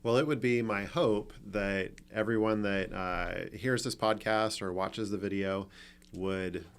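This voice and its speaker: Deep-voiced podcast host guy, relaxed, says mm-hmm a lot. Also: unhurried, clean tone. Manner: relaxed, lots of short backchannel replies. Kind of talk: casual podcast interview.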